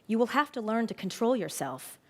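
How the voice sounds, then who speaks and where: A woman voicing a storybook farmer father who speaks gently and firmly, in a measured way. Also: fairly high pitch, very animated. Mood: gentle, firm.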